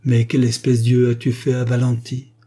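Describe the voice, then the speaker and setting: A man voicing a kindly old village priest who speaks softly and patiently, in a storybook reading. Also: completely flat delivery, normal speed, natural voice. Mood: gentle. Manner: soft, low and quiet.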